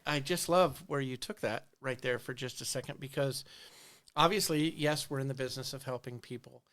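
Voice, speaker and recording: A man's voice: medium pitch, a little fast, a bit bright. A man hosting a podcast interview, friendly and affirming, laughing along with his guest. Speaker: podcast host. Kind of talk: casual interview chat.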